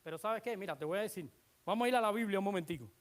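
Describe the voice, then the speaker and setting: A preacher giving an animated sermon, retelling scripture with dramatic emphasis and asking the congregation rhetorical questions. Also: mid-range voice, rapid-fire.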